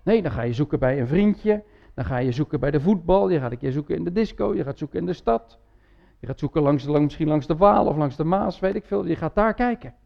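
A man's voice: a little high, expressive, a little fast, vocal fry, dull audio. A man preaching a sermon in a church, talking in a conversational way with frequent tag words and restarts. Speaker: pastor.

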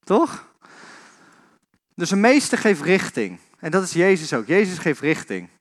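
A man's voice: sits high, sing-song, a little slow. A man preaching an informal church sermon, talking straight to the congregation with frequent restarts and repetitions. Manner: conversational, addresses congregation directly, many repetitions and restarts. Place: church hall.

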